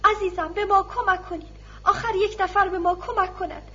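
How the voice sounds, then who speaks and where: A woman's voice: steady tone, bright, forceful tone, lo-fi sound. A woman voicing a distraught mother who sobs and pleads, in a storybook reading. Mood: wailing plea. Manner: sobbing, shrill pleading. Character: distraught middle-aged mother, wailing and pleading.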